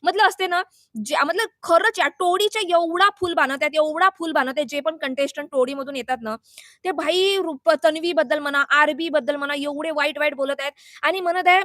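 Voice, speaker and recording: A woman's voice: sits high, fairly quick, a bit bright, dry recording, clean studio sound. A young woman vlogger giving her sarcastic, indignant take on a reality show, scolding and mixing in English and Hindi words. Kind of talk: opinionated reaction vlog.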